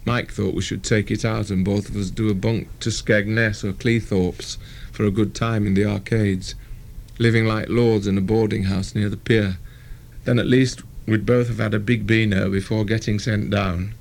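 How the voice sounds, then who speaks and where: Brief: low-voiced reader, wry and conversational, first-person narration. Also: male voice, level tone, normal speed, creaky. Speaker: audiobook reader.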